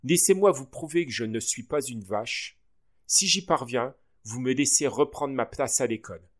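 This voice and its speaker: A man voicing an indignant young boy in a storybook reading, high-pitched and shouting in exasperation. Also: moderate pace, lightly acted. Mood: bargaining.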